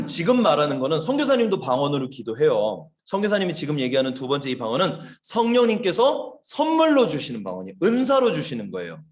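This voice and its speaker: A man, a missionary, giving a lively children's sermon, telling stories and asking the kids questions. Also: a little high, a little fast. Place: church service, online.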